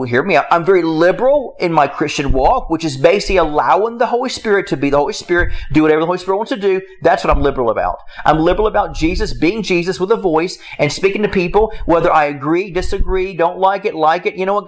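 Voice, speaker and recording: A man preaching on his podcast in a passionate, conversational way, acting out the voices of people he quotes. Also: high voice. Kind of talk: podcast sermon.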